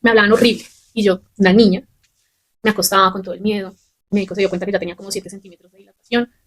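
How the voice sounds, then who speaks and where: A young adult woman, a podcast host telling a personal story candidly and with animation. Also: mid-range voice. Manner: candid, fast and animated, swears casually.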